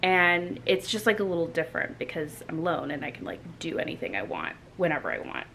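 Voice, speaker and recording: A young woman chatting casually to camera as a vlogger in her home kitchen, relaxed and full of filler words. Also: deep voice, brisk. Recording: home recording with clear background noise.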